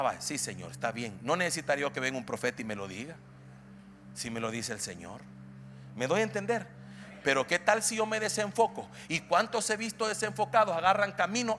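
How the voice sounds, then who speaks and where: A man with a Salvadoran accent preaching a sermon as an apostle, folksy and animated, acting out the voices of people he quotes and building to loud, emphatic preaching. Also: high voice, fairly quick, a little hiss or hum. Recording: church hall reverb with faint music.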